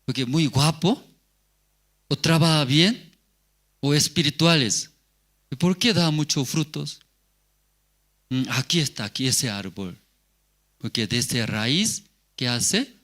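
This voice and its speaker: A man's voice: on the high side, expressive, slow pace, pauses often, a bit bright. A male pastor giving a sermon, asking the congregation rhetorical questions and repeating key words.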